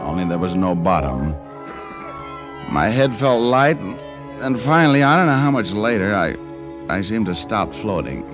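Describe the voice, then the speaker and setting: Richard Diamond, deep-voiced detective. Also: male voice, sing-song, normal speed, music in the background. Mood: brooding narration. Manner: dry wisecracking, hard-boiled narration. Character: wry tough male private detective, adult. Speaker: private detective. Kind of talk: 1940s radio drama acting with narration.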